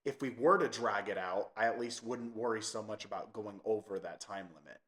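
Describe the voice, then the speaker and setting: A man's voice: fairly low pitch, a little fast, a bit bright. A young man hosting a podcast, chatting casually with lots of fillers. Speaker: podcast host. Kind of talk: casual chat.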